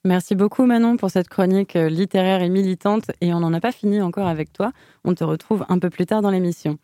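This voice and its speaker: Radio host doing friendly intros between segments, mellow mid voice, dry sound. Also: mid-range voice, a little fast, no room sound. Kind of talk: presenting the radio show.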